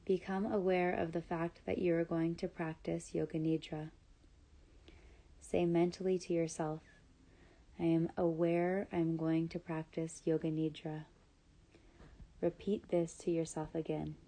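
In a deep voice, a woman guides listeners through a scripted yoga nidra session, her instructions calm, soothing, and measured, with pauses between them.

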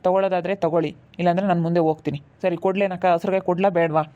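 A woman's voice: lowish voice, fairly even intonation, rapid-fire, dark tone, highs cut off, lightly acted. Woman playing a harried vegetable seller man. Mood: defensive. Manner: defensive, pleading.

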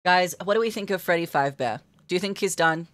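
A young woman with a fairly low voice chats casually with her stream viewers while drawing. She giggles often and gushes over her work. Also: fairly quick, fairly bright tone. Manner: giggly, gushing, talks to chat.

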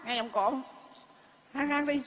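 On a live stage, a male comedian plays a cranky old grandfather who loves foreign things, teasing and bossing a girl he calls "mày". His voice is very high-pitched, a bit bright, and measured in pace. Hall reverb and faint noise fill the recording.

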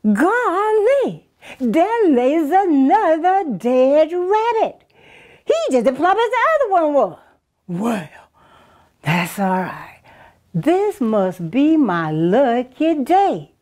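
A woman's voice: mid-range voice, very animated, measured pace, hardly any pauses, a little mellow. A woman voicing a sly, greedy male fox in a folk tale, talking in a folksy, boastful way. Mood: gleeful. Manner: folksy drawl, sings and raps playfully.

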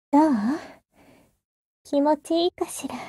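A woman streaming an ASMR role-play, talking in a teasing, coquettish way with soft, drawn-out endings. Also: extremely high pitch, no room sound, clean studio sound.

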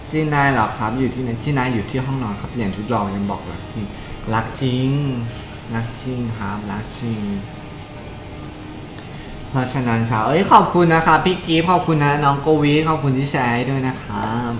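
A man's voice: medium pitch, a little fast. A young man streaming a mobile game, chatting casually and jokingly while reading his viewers' messages aloud. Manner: joking, reads and answers viewer chat aloud. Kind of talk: casual live-stream chat. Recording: echoey room with background noise.

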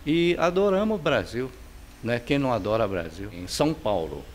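A middle-aged man with a Chinese accent talks in an interview into a handheld mic, his voice at an ordinary middle pitch. He takes his time, filling pauses and restarting phrases. A faint hiss sits under the recording in his indoor studio. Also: very animated. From China. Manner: unhurried, many fillers and restarts. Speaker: painter and architect interviewee. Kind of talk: interview answers. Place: home studio with paintings, indoors.

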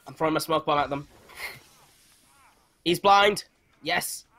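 A man's voice: fairly high pitch, measured pace, pushed and bright. A young man chatting over a multiplayer game with a teammate, joking, swearing and shrieking when things get tense. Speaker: gamer. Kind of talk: excited gameplay chat.

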